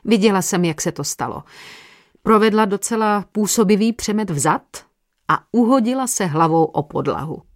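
A woman's voice: medium pitch, lively intonation, no room sound, studio quality, close to an everyday voice. A woman reading the part of a blunt, matter-of-fact female friend in an audiobook. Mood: frank. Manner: matter-of-fact, drops to a whisper at times.

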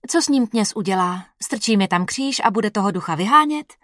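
A woman's voice: mid-range voice, expressive, fairly bright tone, dry recording, studio quality, close to an everyday voice. A woman reading a storybook voices a playful young woman who talks in a teasing, matter-of-fact way.

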